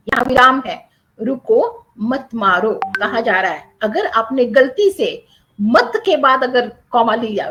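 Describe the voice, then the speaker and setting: A woman teacher lectures with a lively, rising and falling voice that sits a little high. She explains patiently, repeats her key points and works through examples, dropping English terms into her talk. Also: lo-fi sound.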